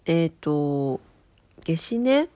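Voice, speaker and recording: Nasal, stuffed-up woman radio host, lowish voice. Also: sing-song, extremely slow, dark tone, dry recording. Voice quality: nasal, congested from a blocked nose. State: stuffed-up nose. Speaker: solo radio show host, DJ. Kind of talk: casual chatty radio monologue with polite greetings.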